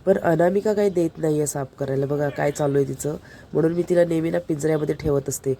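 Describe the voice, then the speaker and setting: A woman's voice: low-pitched, fast, vocal fry, warm tone. A woman chatting casually to her viewers, showing them around her home. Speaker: family vlogger. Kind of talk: casual vlog narration. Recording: background music over the voice.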